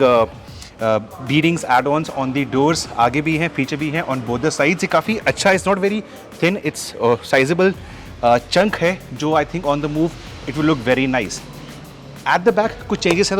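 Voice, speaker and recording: Brief: energetic Indian male car vlogger, slightly high voice, faint music under outdoor walkaround. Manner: mixes Hindi and English, conversational; energetic presenter, frequent uh fillers. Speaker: car reviewer host.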